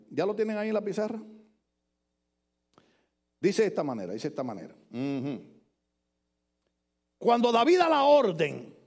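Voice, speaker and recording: An older Puerto Rican pastor preaching in church with a notably high voice. He swings from joking asides to emphatic points. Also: darkish tone. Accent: Puerto Rican Spanish. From Puerto Rico. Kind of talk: sermon. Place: church with congregation.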